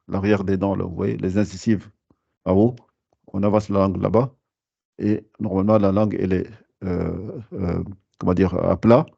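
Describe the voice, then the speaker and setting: A man's voice: low-pitched, vocal fry, dark tone, no room sound, muffled recording. A man teaching Quran recitation rules to a class, patient and repetitive, stopping often with fillers and restarts. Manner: hesitant, many fillers and restarts; patient, repeats rules and reminders. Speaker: tajwid teacher. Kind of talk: live class explanation.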